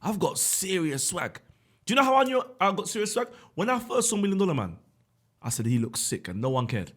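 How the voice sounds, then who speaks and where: Brief: joking young man, animated pitch, casual podcast chat. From Islington, London. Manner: boastful, joking, quick to laugh. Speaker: podcast guest, comedian. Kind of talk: casual banter.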